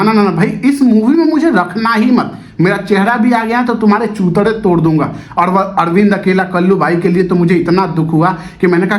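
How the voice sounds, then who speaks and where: High-voiced sarcastic man roasting a film. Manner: animated, sarcastic, swears a lot. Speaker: movie reviewer. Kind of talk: profane comedic film roast.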